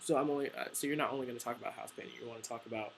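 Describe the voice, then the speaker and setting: A young man explains door-to-door marketing in a loose, chatty way, full of ums and false starts. His pitch sits in an ordinary middle range. Faint ambient noise hums behind him. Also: steady tone, racing, poor audio. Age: young adult. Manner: informal and chatty, many ums and restarts. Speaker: painting business owner training door-to-door marketers. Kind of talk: casual instructional talk to camera.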